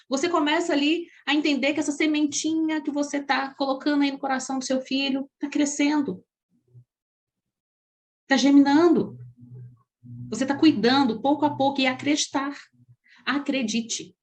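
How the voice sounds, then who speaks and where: Brazilian woman, parenting coach, fairly high voice, expressive, talks straight to parents with many questions. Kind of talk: motivational teaching talk.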